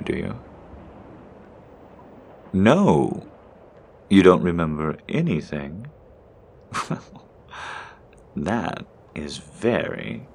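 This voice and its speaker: A friendly stranger, played by a man, talks warmly and reassuringly in a very deep, slightly gravelly voice. He is chatty and cheerful, like a helpful passerby, in an audio roleplay. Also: slight background noise, full character voice.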